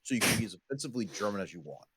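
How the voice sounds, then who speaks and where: A man's voice: on the low side, expressive, very fast, noisy background. A man joking around and teasing friends while they play a game on stream. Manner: teasing, swears freely. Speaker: co-player on stream. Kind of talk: casual joking banter.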